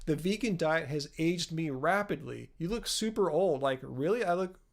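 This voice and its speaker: Man in his fifties, slightly high voice, rambling live-stream host, casual chat. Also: animated, normal speed, gravelly. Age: 50s. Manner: chatty, rambling, self-correcting, laughs at own jokes.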